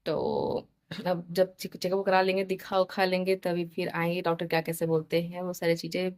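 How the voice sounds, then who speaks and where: Young woman doing a chatty family vlog, pretty even flat tone. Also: on the low side, brisk. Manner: chatty, mixes English into Hindi. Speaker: vlogger.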